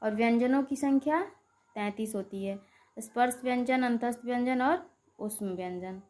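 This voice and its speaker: A woman's voice: on the high side, moderate pace, a little mellow. A woman teaching a grammar lesson for exam students, explaining step by step, repeating terms and drawing out vowel sounds. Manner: asks rhetorical questions to the class.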